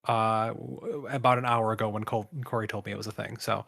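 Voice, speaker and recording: A man's voice: lowish voice, little pitch movement, fairly quick, vocal fry, fairly bright tone. A man co-hosting a board game podcast in casual chat, telling stories and laughing often. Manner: laughing, chatty storytelling. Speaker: podcast co-host.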